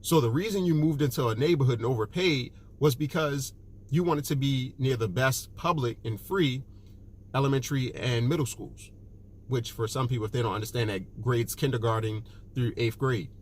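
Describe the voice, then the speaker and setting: A man's voice: mid-range voice, normal speed, slight background noise. A man, a personal finance author, giving direct advice to the camera, emphatic and repeating his key points with frequent "okay" and "look".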